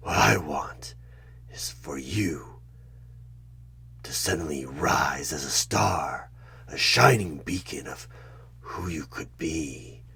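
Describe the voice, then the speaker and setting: In a horror ASMR roleplay, a man plays a devilish tempter disguised as a job interviewer, his bass voice gravelly, breathy and sharp, often falling to a whisper. The heavily acted delivery is slow, menacing and persuasive, stretched by long pauses.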